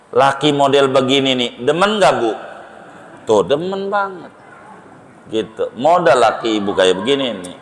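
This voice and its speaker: Male preacher, joking sermon, slow unhurried delivery, faint background noise. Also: medium pitch. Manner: joking, storytelling, conversational. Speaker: Islamic preacher. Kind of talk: humorous sermon.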